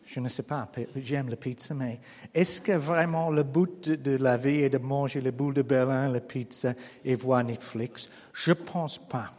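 A man preaching a sermon in French as a non-native speaker with a foreign accent, speaking slowly and haltingly with rhetorical questions. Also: medium pitch, a little mellow, big-room sound. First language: not French. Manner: slow, halting delivery with restarts and rhetorical questions. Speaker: pastor. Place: church hall.

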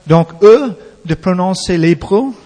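A man with an English accent preaching a sermon in halting French, restarting his words often. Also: sits high, expressive, warm tone, long reverb tail.

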